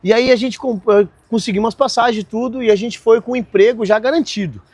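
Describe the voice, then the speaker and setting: Podcast guest: man, 40s, high voice, lively storyteller, dry close sound. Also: fast talker, husky, dry recording. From Brazil. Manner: lively, laughs often, acts out quoted dialogue. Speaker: podcast guest, marina owner. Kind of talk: animated storytelling in conversation.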